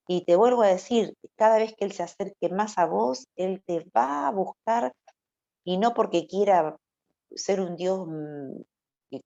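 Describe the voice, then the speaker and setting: A woman's voice: on the low side, warm tone. A woman with a River Plate Spanish accent preaching a conversational sermon to young people in a church, often stopping to ask "¿no?". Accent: Rioplatense Spanish. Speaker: youth preacher. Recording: dull lo-fi recording.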